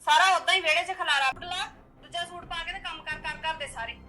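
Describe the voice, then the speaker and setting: A woman's voice: extremely high pitch, quick pace, bright, forceful tone, roomy sound. A woman playing a cruel young sister-in-law. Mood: bossy. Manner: defensive and bossy, then pleading. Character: cruel young sister-in-law who bullies a mute girl. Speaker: daughter-in-law. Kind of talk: amateur family drama acting.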